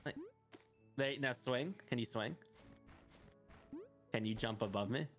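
A man's voice: medium pitch, unhurried, fairly bright tone, soft background music. A man playing a co-op game with a friend, teasing and laughing as he plays. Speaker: co-op partner. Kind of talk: casual gaming chat.

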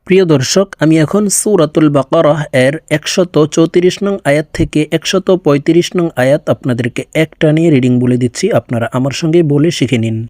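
A man teaching Quran reading, spelling verses out letter by letter and chanting them slowly. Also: a little high, darkish tone, no room sound, clean studio sound. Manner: slow, drawn-out syllable-by-syllable spelling with melodic recitation.

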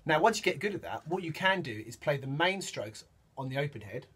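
A man's voice: a little high, lively intonation, a little fast, loud music behind the voice. Man teaching samba rhythms over drums. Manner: counts beats and sings rhythms aloud while demonstrating. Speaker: music teacher. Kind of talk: instrument demonstration lesson. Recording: loud drumming behind the voice.

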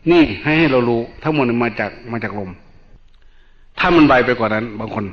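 A male Buddhist monk, calmly explaining meditation in a dharma talk and mixing in English terms. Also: mid-range voice, brisk. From Northeast Thailand. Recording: dull lo-fi recording.

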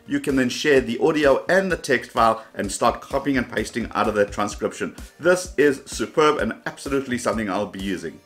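A man's voice: medium pitch, fairly quick, hardly any pauses, a bit bright. A man hosting a tech video, talking upbeat and enthusiastic as he wraps up. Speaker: tech vlogger host. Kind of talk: casual video outro.

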